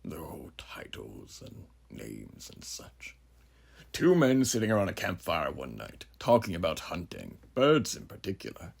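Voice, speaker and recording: A man playing a menacingly genial, philosophizing frontier judge in a horror audio roleplay, speaking grandly and theatrically with a gravelly voice. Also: sits low, huge pitch swings, heavily acted. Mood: sly storytelling. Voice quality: gravelly, husky. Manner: grandiloquent, unhurried, theatrical, with dramatic pauses. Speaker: voice actor.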